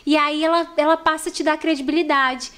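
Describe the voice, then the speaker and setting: A woman speaks with a Minas Gerais Brazilian accent in a relaxed podcast conversation. Her voice sits fairly high, and she tells her stories with animated warmth. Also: a little fast. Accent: Brazilian Portuguese, Minas Gerais. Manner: animated storyteller, warm and expressive. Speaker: store manager guest. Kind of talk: casual podcast chat.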